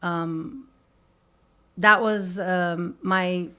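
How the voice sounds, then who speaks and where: A woman's voice: on the low side, fairly even intonation, extremely slow, sharp tone, smooth. A woman from Turkey, a guest artist in a casual interview, speaking hesitantly with many ums and uhs. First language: Turkish.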